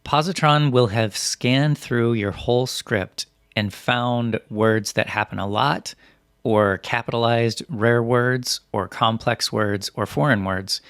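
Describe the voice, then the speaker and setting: A man reading scripted instructional narration as a software tutorial presenter, in a methodical, step-by-step way. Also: mid-range voice, takes it slowly, smooth, no room sound, studio quality.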